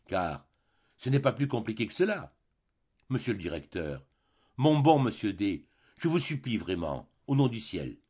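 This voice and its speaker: A man's voice: on the low side, sing-song, moderate pace, darkish tone, husky, lo-fi sound. A man voicing a desperate male prisoner who speaks in an earnest, pleading way.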